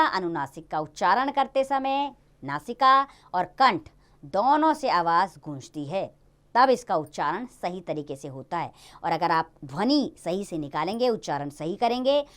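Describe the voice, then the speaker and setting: A woman teaching a Hindi grammar lesson to young children in a lively, sing-song way. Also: medium pitch.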